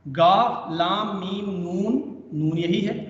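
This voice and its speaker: A man teaching an online language lesson, patient and repeating each point slowly, heard over a video call. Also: high voice, a bit bright, slight background noise. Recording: echoey, distant, dull online class audio.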